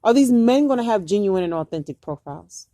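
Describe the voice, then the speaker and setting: Woman vlogger, earnest, urgent, repeats herself, dry sound, mid pitch. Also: expressive, a little fast, dark tone, no room sound. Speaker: vlogger giving dating advice. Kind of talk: earnest direct-to-camera talk.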